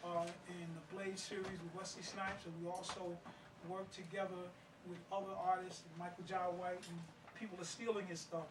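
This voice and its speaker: A middle-aged playwright and martial arts master with a high voice talks informally and emphatically, in a plain-spoken, street-wise way, against a noisy background. This is an informal spoken interview and presentation at an indoor gathering for a play reading. The audio is roomy and distant, with people present.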